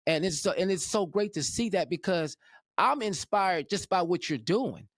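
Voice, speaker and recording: Animated talk show host, lively voice. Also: male voice, high-pitched, moderate pace, dry recording, studio quality. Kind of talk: casual interview chat.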